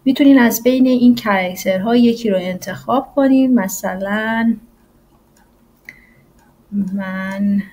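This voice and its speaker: Woman giving a casual software walkthrough. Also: mid-range voice, long pauses. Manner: casual and explanatory, with frequent "uh" fillers. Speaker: English teacher. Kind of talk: screen-recorded software tutorial.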